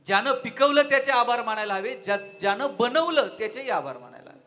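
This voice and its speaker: Guy giving a devotional talk live, tells jokey stories, keeps asking the crowd things, high-pitched. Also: a little fast. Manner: lively storytelling, asks the audience questions. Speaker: devotional speaker. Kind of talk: devotional talk with humorous anecdotes. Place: live devotional event before an audience.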